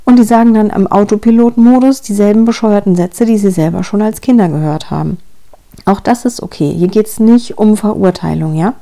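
A woman's voice: mid-range voice, fairly quick, gravelly, dark tone. A woman hosting a show, giving direct and reassuring parenting advice straight to her listeners. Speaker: parenting coach and podcast host.

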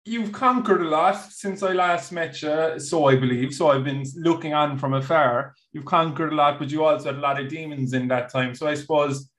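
A man with an Irish accent from Cork, hosting a casual chat in a halting way, with an echoey sound. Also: a little high, a bit bright. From Cork, Ireland. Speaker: podcast host.

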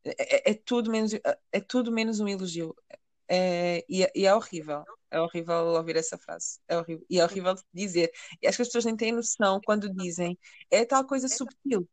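Animated woman co-host, dry close sound. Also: mid-range voice, no room sound. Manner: animated, emphatic, quick to react. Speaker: podcast co-host. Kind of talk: casual conversation.

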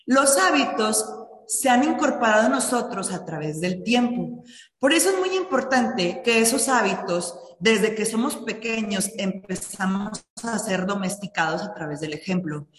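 A woman's voice: mid-range voice, lively intonation, moderate pace. Middle-aged woman, earnest motivational talk, roomy echo, long reverb. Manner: earnest, addresses listeners directly. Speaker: speaker on personal finance and habits. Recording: echoey room with long reverb.

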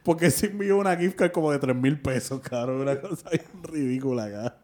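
A man, co-hosting a podcast in a casual chat, expressive and swearing constantly. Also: mid-range voice, brisk. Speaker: podcast co-host.

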